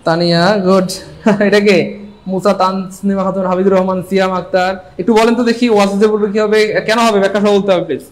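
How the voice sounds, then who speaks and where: Fast, high-voiced male teacher. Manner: animated, joking, urges viewers to comment. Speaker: English grammar teacher. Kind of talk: live online class.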